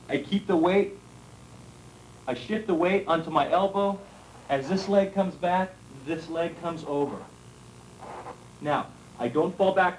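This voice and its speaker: Guy teaching armlocks step by step, worn vhs tape copy, far from the mic in an echoey room. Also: fairly high pitch. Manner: calm, step-by-step explaining while demonstrating. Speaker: martial arts instructor. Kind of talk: instructional demonstration. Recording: faint hiss, roomy, voice from far off the camera mic on old tape.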